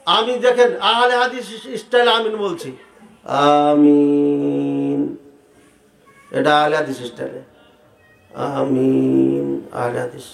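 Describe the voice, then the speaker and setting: A man preaching to a crowd, animated and rhetorical, asking the audience questions directly. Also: a little high, creaky. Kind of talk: sermon debating prayer practice. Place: large hall with audience. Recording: echoey hall sound.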